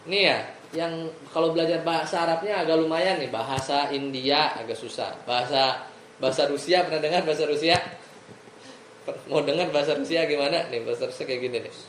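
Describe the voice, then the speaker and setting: A man's voice: a little high, a bit bright. A man, a religious teacher giving a casual classroom lesson, chatty and explaining step by step while asking his students questions. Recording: echoey room with faint ambient noise.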